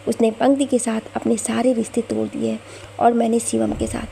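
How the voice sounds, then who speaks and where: A woman's voice: on the high side, level tone, fairly quick, vocal fry, mellow, slight background noise. A woman voicing a scheming young woman who pleads and accuses in a whiny tone. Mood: pleading.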